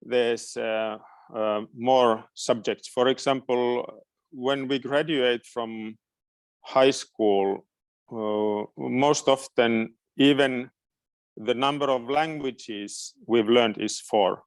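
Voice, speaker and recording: A middle-aged native Finnish man from Finland, an education expert, answers questions informally, often pausing as he searches for words. He speaks slowly in a smooth, clear, mid-range voice with a steady tone, recorded dry with no echo.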